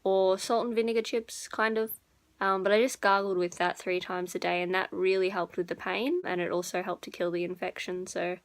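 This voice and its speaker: Young woman vlogger just chatting to viewers, mid pitched voice, kinda rambly and informal. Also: a bit bright. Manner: rambling, informal, self-correcting. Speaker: beauty and lifestyle vlogger. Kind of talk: casual chat to viewers.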